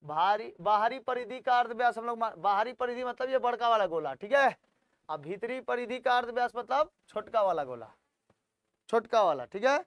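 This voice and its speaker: A man's voice: very high voice, lively intonation, moderate pace, fairly bright tone, dry recording. A man, working through textbook maths problems aloud as a tutor, coaxing students with questions he then answers.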